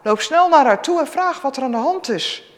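A church reader voicing a calm, authoritative old prophet from a scripture story, speaking in measured commands. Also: sits high, in a large hall, voice pushed up. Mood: commanding.

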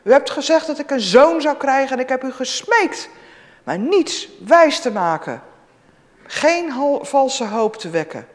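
Reader putting on a pleading devout woman, lively high swings, long church reverb. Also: normal speed, few pauses. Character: distressed woman of faith from an old story.

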